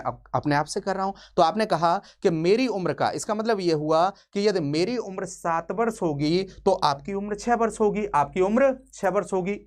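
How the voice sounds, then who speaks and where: A man in his twenties teaching a maths lesson for exams, chatty and joking, asking questions and then answering them himself. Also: high-pitched. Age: 20s. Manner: chatty and joking, calls viewers friend. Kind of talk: exam-prep lesson.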